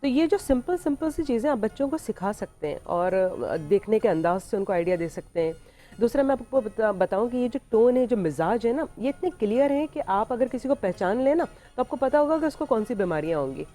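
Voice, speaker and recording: A woman guest expert on a studio talk show, explaining simple techniques in an animated way and often agreeing with "exactly". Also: a little high, a little fast, soft background music. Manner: explanatory, animated, frequently says exactly and right. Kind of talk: studio interview.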